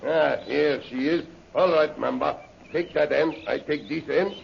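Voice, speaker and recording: Heard on a muffled old-time radio recording with slight background noise, this 1930s adventure role features a rough, fawning male French henchman, jealous and boastful. His gravelly, high-pitched voice comes out unhurried but brisk and bossy in mood, in broken English peppered with French exclamations.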